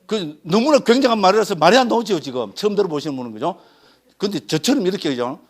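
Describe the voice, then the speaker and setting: A man's voice: sits high, lively intonation, quick pace. A middle-aged Korean Buddhist monk with a Gyeongsang accent gives a sutra lecture and keeps asking his listeners rhetorical questions. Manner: punchy dramatic exclamations.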